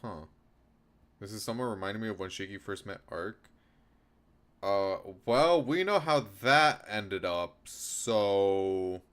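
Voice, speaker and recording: A man with a lowish, expressive, fairly bright voice speaks slowly while streaming a game. He alternates between reading the story narration aloud and making casual comments. Rain sounds and other background noise come through clearly on the stream.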